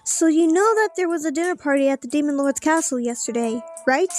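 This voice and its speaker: High-voiced woman reading game dialogue aloud. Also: lively intonation, brisk, faint music behind. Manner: theatrical, acting out character lines. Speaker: let's play streamer.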